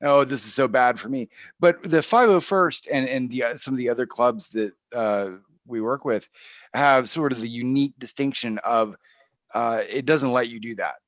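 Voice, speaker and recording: A man's voice: medium pitch, no echo. A man hosting a casual livestream panel, asking questions with many restarts and repeated words. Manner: halting, repeats words while phrasing questions. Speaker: panel host. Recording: muffled dry online audio.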